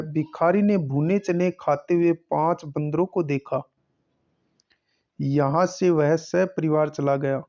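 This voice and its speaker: A man's voice: on the high side, mellow, highs cut off. A man teaching, working through an exam paper question by question and repeating each answer. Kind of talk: exam paper solving lesson.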